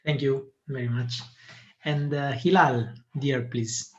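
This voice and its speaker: A man's voice: medium pitch, fairly even intonation, slow. A man moderating an online meeting, politely calling on each participant in turn with brief prompts. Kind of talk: calling on participants in a video call. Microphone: video call. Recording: dull lo-fi call audio.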